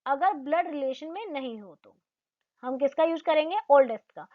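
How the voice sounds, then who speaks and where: A woman teacher patiently explaining an English grammar lesson step by step, asking the class questions and slowing down on example words. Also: high-pitched, expressive. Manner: slows down to spell out example words. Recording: slightly dull lo-fi sound.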